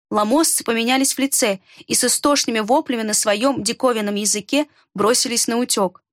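A woman reading a fantasy story aloud in a steady, measured narration. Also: on the high side, no echo, studio quality. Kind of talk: scripted audiobook narration.

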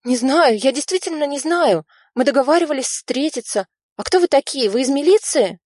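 A woman voicing a frightened, indignant young woman held by killers, shrill and near shouting. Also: animated, normal speed, no room sound, studio quality.

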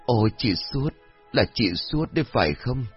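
A man's voice: mid-range voice, sing-song, moderate pace, breathy edge. A man voicing a frail, bedridden old mother who speaks in a faint, whispery plea. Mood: weak pleading. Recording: dull lo-fi audio with faint music.

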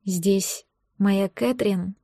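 A woman voicing a blind, wounded male elf in an audiobook, speaking softly, slowly and tenderly. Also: high-pitched, fairly even intonation, vocal fry, dry recording, clean studio sound, heavily acted. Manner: soft, slow, tender.

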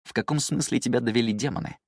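A man's voice: mid-range voice, fast, no room sound, pitched above the performer's own voice, close to an everyday voice. A man voicing a stern young male swordsman who speaks dryly and curtly. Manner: dry, curt.

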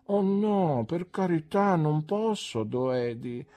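A woman voicing a childish, easily hurt young wife, raising her pitch into a plaintive, tearful, breathless plea. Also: expressive, takes it slowly, mellow.

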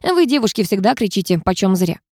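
A woman's voice: medium pitch, very animated, brisk, darkish tone, slightly rough, dry recording, clean studio sound. A woman voicing a cocky, teasing young male student mage in an audiobook, smug and self-assured. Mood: condescending. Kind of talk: audiobook character voice.

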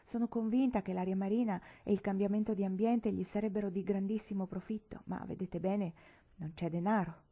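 A gentle, practical mother, as a woman reading a novel puts her on. She reasons calmly in a mellow, warm voice. A storybook parent, steady and sensible. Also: medium pitch, a little fast, natural voice. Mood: calm reasoning. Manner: calm, reasoning.

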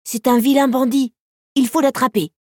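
A woman's voice: high voice, fairly even intonation, normal speed, dark tone, no room sound, clean studio sound, voice pushed up. A woman voicing a bold young male puppy who acts as the leader of the pack, in an eager, commanding manner.

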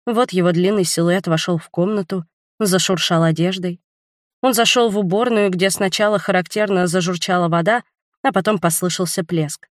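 A woman narrating a novel in the first person with a steady, even reading. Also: fairly low pitch, normal speed, dry recording, clean studio sound. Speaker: audiobook narrator.

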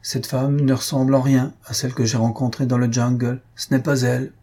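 A man's voice: medium pitch, flat delivery, brisk, dark tone, lightly acted. A man voicing an old feverish missionary. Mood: indignant.

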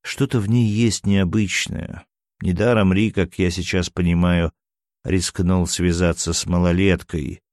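A man's voice: low voice, fairly even intonation, measured pace, a little mellow, no room sound, clean studio sound. A man voicing a cynical grown man who teases slyly. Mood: teasing. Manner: sly, teasing.

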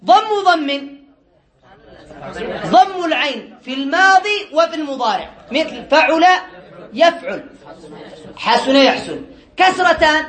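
In an echoey room, this male Islamic studies teacher leads students through Arabic morphology, repeating word patterns, posing and answering rapid quiz questions, and making light jokes. His voice is very high-pitched and a bit bright.

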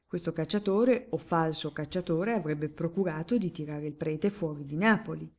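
A woman reading aloud as a shrewd, affable older male magistrate who questions a witness in a smooth, genial way. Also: deep voice, moderate pace. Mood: sharp.

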